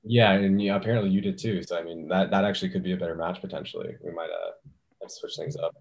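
Quick-paced and fairly even in intonation, a low-voiced young man runs a laid-back podcast chat, often using fillers and starting sentences over.

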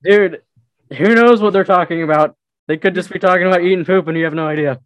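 A man's voice: sits high, quick pace, no room sound. Joking young man saying "dude" a lot. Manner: laid-back, joking, says "dude" often. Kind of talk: casual chat.

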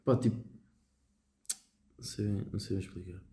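A young man with a European Portuguese accent chats in a slangy way among friends. His voice sits low and soft-edged, with a dark tone, and the room rings around it. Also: normal speed. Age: young adult. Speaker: podcast co-host. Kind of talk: casual chat among friends. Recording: roomy, echoing room sound.

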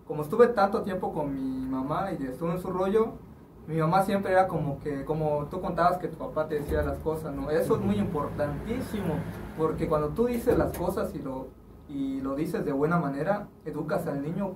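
A man with a Mexican accent, talking in a casual, rambling way with a slightly high voice. He sounds set back from the mic in an echoey room. Light background noise sits under him. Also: moderate pace, distant mic. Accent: Mexican Spanish. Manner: slangy, rambling, storytelling. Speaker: guest. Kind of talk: casual podcast chat.

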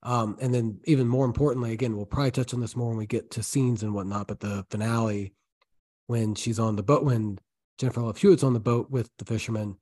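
Relaxed man ranting about a film. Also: medium pitch, fast talker. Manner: animated, joking, exasperated rants about characters. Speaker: podcast co-host. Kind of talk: casual movie review chat.

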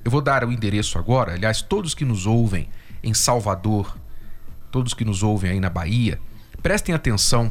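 Guy hosting radio advice, earnest, direct, voice goes up and down a lot. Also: medium pitch. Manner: earnest, direct, repeats key details slowly. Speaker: radio advice show host.

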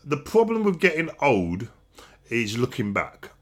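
A middle-aged man chats loosely as a podcast host. He rambles, often restarts his sentences and pokes fun at himself, in a voice of ordinary pitch. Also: wildly swooping pitch, measured pace. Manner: rambling, restarts often, self-mocking asides. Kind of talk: casual podcast chat.

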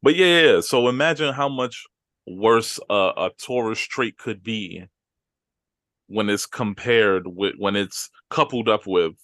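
A man's voice: lowish voice, unhurried, fairly bright tone, no room sound, clean studio sound. A man co-hosting a podcast in casual, teasing, slangy banter. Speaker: podcast co-host.

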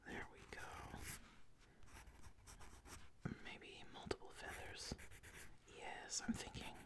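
A woman's voice: unhurried, natural voice. A woman in a whispered role-play as a fantasy tailor, musing hesitantly as she talks a client through a garment design. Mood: musing, reassuring.

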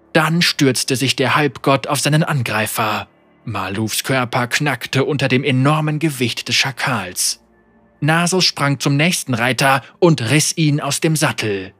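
A man narrates a dark fantasy tale in a slow, measured audiobook style. His voice sits at a middle pitch, with dry, close sound and faint music underneath. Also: no room sound.

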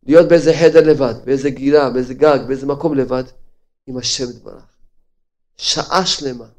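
A man preaching as a rabbi, firing rhetorical questions and swinging between loud outbursts and hushed lines. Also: medium pitch, steady tone. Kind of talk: sermon.

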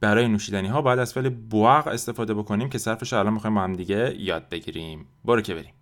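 A man teaching a language lesson. He explains quickly, then slowly repeats drill phrases for listeners to copy. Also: fairly low pitch. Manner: slow, drawn-out repetition of drill phrases. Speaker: French teacher.

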